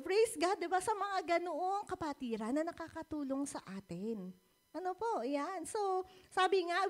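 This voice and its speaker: A Filipina woman gives a church sermon in a high, bright voice. Her pitch swings widely as she talks. She keeps asking her listeners for agreement and laughs easily between points. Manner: animated, often asks the congregation "di ba?". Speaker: preacher.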